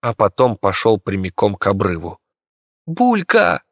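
A man narrating a fantasy audiobook in a steady, even reading voice. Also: on the low side, normal speed, dry recording, studio quality.

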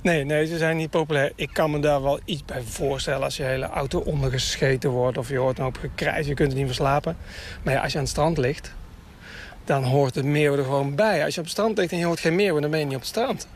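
A man's voice: fairly high pitch, steady tone, fast talker. A man chatting casually and enthusiastically outdoors for radio, explaining bird calls. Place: outdoors, near water in a town. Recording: outdoor field recording with background noise. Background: gulls calling.

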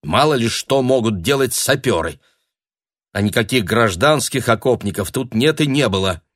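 A man's voice: medium pitch, animated, moderate pace, fairly bright tone, no room sound, studio quality. A man voicing a cool, sensible young woman who speaks curtly and coldly, in an audiobook. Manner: cold, curt.

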